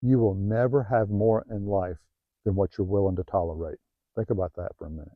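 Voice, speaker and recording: Southern man, middle-aged, low voice, earnest self-help talk, dull dry home recording. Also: steady tone, fairly quick, no room sound. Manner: heartfelt, repetitive, restarts phrases, softens when personal. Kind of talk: earnest motivational talk to camera. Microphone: new home-video mic, dull sound.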